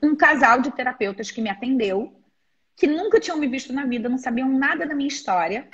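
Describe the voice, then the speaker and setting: Husky Brazilian woman, earnest and halting. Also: high voice, animated, highs cut off. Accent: Brazilian Portuguese. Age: 40s. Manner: earnest, halting, with many restarts and quoted inner speech. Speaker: guest therapist and teacher of energetic alignment. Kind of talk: live-stream interview, reflective explaining.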